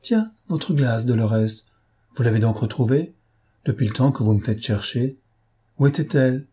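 A man's voice: medium pitch, animated, normal speed, dark tone, husky. A male audiobook reader voicing a cheerful, chatty young woman. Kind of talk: audiobook character voice.

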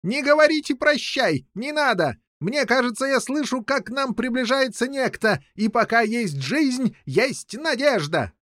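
An excitable, squeaky old king. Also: unhurried, hardly any pauses, dry recording, clean studio sound, heavily acted. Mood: urgent. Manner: high, squeaky, exclaiming. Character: excitable old male king, eager and fussy. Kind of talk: audiobook character voice.

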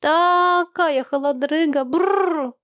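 A woman's voice: high voice, gravelly, dry recording, highs cut off, voice pushed up, exaggerated voice. A woman voicing a small boy who whines and drags his words out, in an audiobook. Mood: whining. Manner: drawn-out whining. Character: small boy Sam, whiny and cheeky.

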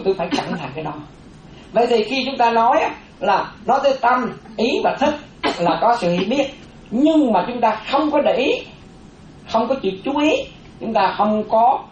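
A Buddhist monastic woman, giving a lively dharma talk and often asking the audience questions. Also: fairly high pitch, a little hiss or hum. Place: hall with a seated audience. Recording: roomy, dull sound with faint audience.

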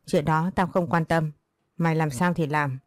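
A woman's voice: low voice, steady tone, normal speed, dry recording, clean studio sound, lightly acted. A woman doing a harsh old village moneylender. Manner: blunt, bullying, rude.

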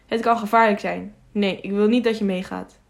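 A woman reading the part of an earnest, serious young man on a journey who speaks calmly. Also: medium pitch, normal speed, gravelly, natural voice.

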